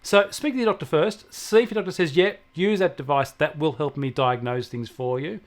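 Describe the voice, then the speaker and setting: Speaking briskly in a fairly high voice, an Australian man offers conversational technology advice as an expert fielding questions. He's emphatic, repeating himself to drive points home.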